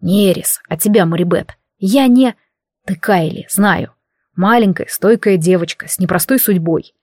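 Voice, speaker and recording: A woman reading the part of an ancient warlock king, teasing and possessive, drawing his words out slowly and intimately. The voice sits at an ordinary middle height for a woman. It is recorded close and dry, with no room sound. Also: medium pitch, darkish tone, no echo, natural voice. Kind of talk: audiobook character reading.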